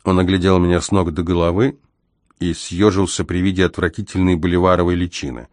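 A man narrates a first-person adventure story at a measured, even pace. His voice is very low and deep. The recording is dry and close, with no room sound. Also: no room sound. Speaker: audiobook narrator.

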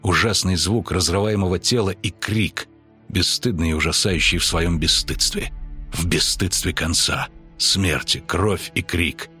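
A man narrating a fantasy audiobook in a measured, even way. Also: low-pitched, faint music behind. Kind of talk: scripted narration.

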